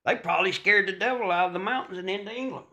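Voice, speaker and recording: Folksy joking man, high bright voice. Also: fast talker, lo-fi sound. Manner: folksy drawl, teasing wisecracks, double negatives. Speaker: podcast co-host. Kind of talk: casual chat, storytelling.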